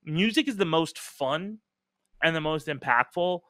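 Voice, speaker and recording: A man's voice: a little high, expressive, measured pace, sharp tone, dry recording, studio quality. A man hosting a casual podcast chat, talking emphatically with lots of fillers and casual swearing. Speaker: podcast host.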